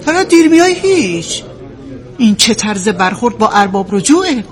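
A woman's voice: fairly high pitch, big pitch swings. An actress playing a strict female office manager who talks in a stern, reprimanding way, in a TV drama.

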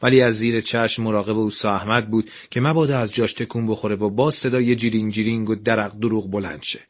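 Husky-voiced male radio storyteller. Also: fairly low pitch, steady tone. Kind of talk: scripted radio story narration.

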